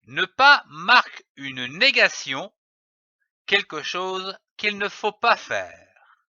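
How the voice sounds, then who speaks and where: A man giving a scripted reading lesson for young children, slowly spelling out letters and syllables. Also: sits high, very animated, sharp tone, no echo, muffled recording. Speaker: reading teacher.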